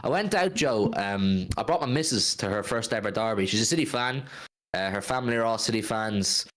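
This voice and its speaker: A man's voice: lowish voice, animated, a little fast, a bit bright. A British man hosting a football fan live stream, chatting casually in a blokey, enthusiastic way and repeating phrases for emphasis.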